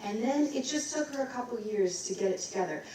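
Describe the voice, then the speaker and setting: A woman's voice: on the high side, lively intonation, fast talker, warm tone, a little hiss or hum. Middle-aged female vocalist, loose rambling talker who breaks into scat; distant, reverberant hall sound. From Maryland, USA. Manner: rambling, scats and sings snippets. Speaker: guest vocalist. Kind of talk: casual onstage interview. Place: recital hall. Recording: roomy hall, distant mic.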